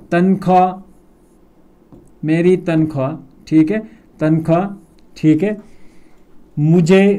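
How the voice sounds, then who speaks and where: A young man with a Kashmiri accent teaching a grammar lesson, repeating words slowly and checking in often with "theek hai". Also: fairly high pitch, darkish tone.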